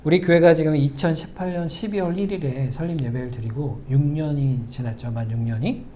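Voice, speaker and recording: A middle-aged male pastor giving a sermon in a church, talking conversationally, asking the congregation questions and slowing to a near whisper for emphasis. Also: a little high, mellow, slight background noise. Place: church sanctuary.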